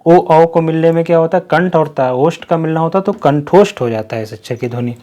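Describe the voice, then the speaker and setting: A male Hindi grammar teacher with a somewhat high-pitched voice. He walks through the lesson slowly, drills each point by repeating it, and poses questions that he answers himself. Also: mellow. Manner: slow, repetitive explaining with questions to the class. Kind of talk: classroom-style lesson.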